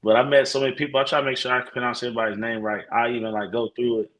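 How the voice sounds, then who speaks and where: Bright-voiced man, laid-back rambling chat. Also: medium pitch, little pitch movement, very fast. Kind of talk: casual chat.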